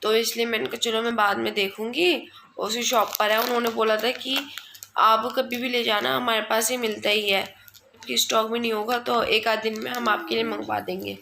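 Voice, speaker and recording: A woman's voice: a little high, fairly even intonation, normal speed, gravelly, sharp tone, slight background noise. A young woman chatting casually at home for her family vlog, rambling along and often quoting her husband. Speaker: family vlogger. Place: at home indoors.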